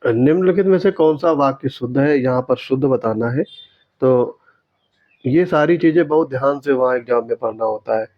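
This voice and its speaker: Man explaining exam answers, lo-fi. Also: mid-range voice. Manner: explanatory, repeats words slowly to correct them. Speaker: teacher.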